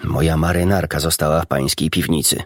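A man voicing a calm, kindly middle-aged doctor who speaks in a measured, restrained way. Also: extremely low pitch, no room sound, studio quality.

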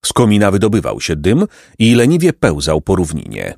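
A man narrating a children's storybook in an expressive, dramatic way. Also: sits low, brisk, gravelly, no room sound, studio quality. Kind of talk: storybook reading.

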